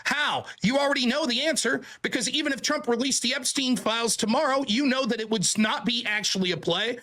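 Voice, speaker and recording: A man with an extremely high voice hosts a live call-in debate. He is combative and sarcastic, hammering the same point again and again with plenty of swearing. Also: fairly quick, pushed and bright. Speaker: host of a live call-in show.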